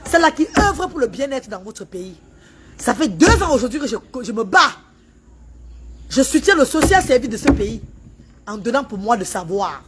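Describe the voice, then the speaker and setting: A woman's voice: a little high, sing-song, normal speed, heavy background noise. A woman who rants on a livestream, repeating herself as she pleads and scolds. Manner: emphatic, repetitive, pleading and scolding. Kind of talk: livestream rant.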